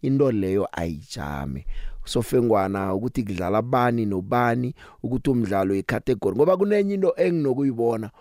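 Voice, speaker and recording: A man's voice: medium pitch, animated, brisk, a little mellow, dry recording, studio quality. A South African man hosting a radio sports talk show, speaking emphatically and rhetorically with strong opinions.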